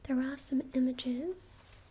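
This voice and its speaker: A woman playing a helpful librarian in a whispered role-play, speaking in a soft, breathy, gentle library whisper. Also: high voice, fairly even intonation, slow pace, slight background noise. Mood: gentle, hushed. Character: helpful female librarian recommending books. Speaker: ASMR performer.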